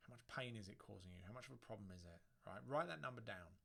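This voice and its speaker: Leading a relaxation session as a breathing instructor, a man keeps it casual and chatty, tossing in jokes. His voice runs low, animated and fast, creaky and a bit bright. The room is indoors beside a busy road, and he faces a screen with a microphone close at hand.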